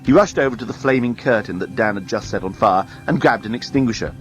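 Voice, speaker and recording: A man reading a science fiction story aloud as a storyteller, expressive and dramatic. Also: medium pitch, quick pace, muffled recording, soft background music. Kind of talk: read-aloud story narration.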